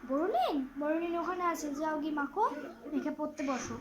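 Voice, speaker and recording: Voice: sits high, animated, brisk, a loud crowd, rough recording. A child playing a strict scolding mother. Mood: soothing. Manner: bossy, threatening, nagging. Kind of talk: pretend-play role-play. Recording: clear background music.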